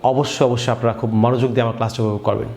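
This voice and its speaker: A man's voice: mid-range voice, level tone, rapid-fire, gravelly, a little mellow. A man with a Bangladeshi accent teaching English pronunciation, leading repetitive call-and-response drills for viewers. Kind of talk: classroom drill lesson. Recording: echoey room with faint noise.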